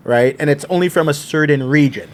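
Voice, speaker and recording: A man hosting a casual whiskey review podcast, joking around and explaining things in quick, rambling bursts. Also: fairly high pitch. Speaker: podcast host.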